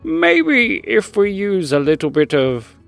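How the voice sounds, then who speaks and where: A man voicing a cheerful, jolly male snowman who muses slowly and laughs with a booming ho-ho, over a light bed of music. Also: huge pitch swings, vocal fry, no room sound, exaggerated voice. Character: cheerful talking male snowman of grass and feathers.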